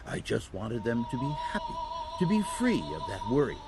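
Casting: male actor as patient old saintly Santa for family audio drama, lively intonation, gentle halting storyteller, music underneath. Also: mid-range voice, creaky. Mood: gently explaining.

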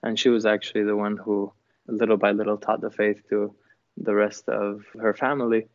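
A man who grew up in Chile, calmly and earnestly answering interview questions about his upbringing. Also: fairly low pitch, normal speed, no room sound. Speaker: musician guest. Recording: dull lo-fi dry sound.

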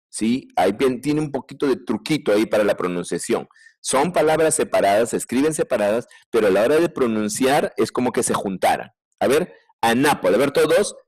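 Peruvian guy teaching english to kids, lots of pitch swings, talks slow, repeats words over and over. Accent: Peruvian Spanish. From Peru. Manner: lively, drilling pronunciation with repetition. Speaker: primary school English teacher. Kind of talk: online class teaching.

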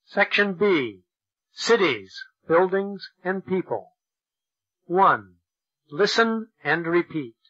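A man narrating a school English textbook recording, reading each line slowly and with deliberate care for learners. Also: high-pitched, expressive, pushed and bright, dull audio. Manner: slow, deliberate, over-articulated delivery for learners. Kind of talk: slow, clear textbook reading.

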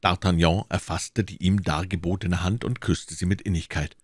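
A man narrating a classic novel as an audiobook, in a measured, expressive storytelling manner. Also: deep voice, no room sound, studio quality.

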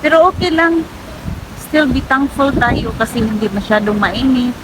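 A woman's voice: fairly high pitch, fairly even intonation, moderate pace. A woman with a Filipino accent chatting casually for an outdoor travel vlog, switching between languages, with wind on the mic. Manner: chatty, giggly, code-switching. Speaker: vlogger. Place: windy outdoor beach resort.

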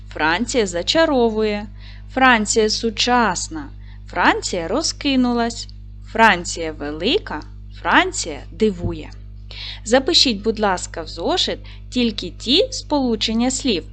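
A woman teacher speaks to young pupils in a video lesson, her voice lively and rising and falling a lot. She gives clear, patient instructions at a medium pitch. Faint music plays softly underneath. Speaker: primary school teacher.

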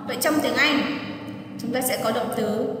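High-voiced woman teacher, very echoey. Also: a bit bright, a little hiss or hum. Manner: drills words slowly, asking children to repeat. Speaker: English teacher for children. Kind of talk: children's English lesson. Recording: very echoey room, voice from mic distance.

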